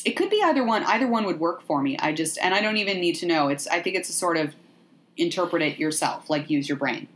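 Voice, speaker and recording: Woman podcast host, animated and joking, casual movie recap. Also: on the low side, fast talker.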